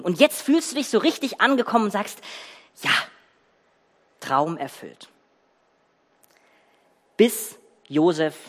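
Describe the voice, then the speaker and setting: A preacher delivers a sermon in a long, ringing hall, the voice sitting at an ordinary middle pitch. The telling is animated and emphatic, with lists of words thrown out and pauses held for effect. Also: breathy edge. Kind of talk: sermon with dramatic Bible reading. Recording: reverberant church hall.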